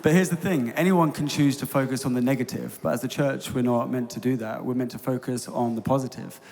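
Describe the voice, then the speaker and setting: This youth ministry leader speaks fairly quickly in a darkish, medium-pitched voice with vocal fry and fairly even intonation. Preaching from the stage of a large concert hall, he builds to emphatic peaks in a conference talk and later hosts a panel, all with the long reverb of the big space.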